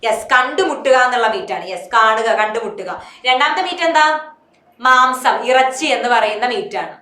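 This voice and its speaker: A woman's voice: fairly high pitch, lively intonation, brisk, bright, forceful tone, echoey room. A woman English teacher with a Malayali accent, teaching an online class and answering her own questions. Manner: asks questions and answers them herself.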